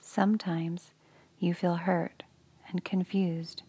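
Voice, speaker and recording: A woman guiding a meditation for children in a soft, breathy, whispery voice. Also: fairly low pitch, little pitch movement, no echo. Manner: soft whispery delivery, slow and soothing. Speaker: meditation guide.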